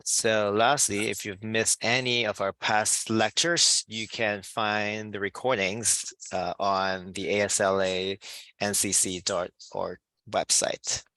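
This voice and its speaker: A man with a low, gravelly voice hosts a webinar and reads announcements with a few ums. His tone is bright and the sound is dry, as on a video call. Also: level tone, slow pace, no room sound, low-quality recording. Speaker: webinar host.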